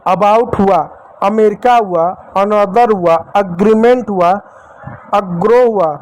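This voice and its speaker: Guy teaching beginners, kinda high voice, calls everyone dear kids, goes slow on each word. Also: darkish tone, rough recording. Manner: patient, addresses viewers as dear children, spells words out slowly. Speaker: English teacher. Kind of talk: spoken lesson for beginners.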